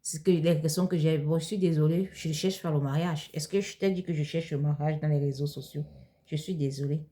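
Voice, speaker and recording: Low, mellow woman vlogging. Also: fairly even intonation. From Cameroon. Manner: hesitant, halting, with many fillers and restarts. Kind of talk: casual vlog, showing products and answering viewer questions.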